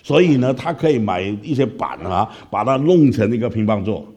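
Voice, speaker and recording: A man from Malaysia with a Malaysian Mandarin accent, telling a lively story as a preacher and often asking listeners "right?". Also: medium pitch, a little fast, husky. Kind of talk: storytelling sermon.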